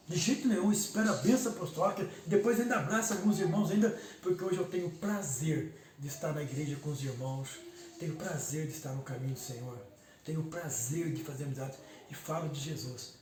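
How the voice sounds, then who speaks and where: This man is a pastor telling his own testimony with feeling, leaning on repeated words to give them weight. His voice is a little high and slightly mellow, heard through a distant microphone with roomy echo and faint noise behind it.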